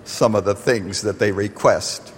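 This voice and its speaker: An older man from Canada preaching a radio sermon as pastor, animated, swelling to emphatic peaks and dropping low. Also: measured pace, big-room sound, slight background noise.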